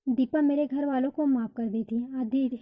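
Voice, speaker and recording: A woman narrating a college love story in steady scripted storytelling. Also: high voice, moderate pace, poor audio.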